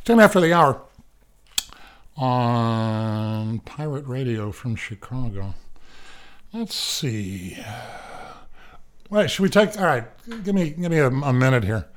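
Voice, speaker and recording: A man's voice: on the high side, big pitch swings, normal speed. A man hosting a radio show, reading the news casually and breaking off into rambling, joking asides. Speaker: radio host. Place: radio studio.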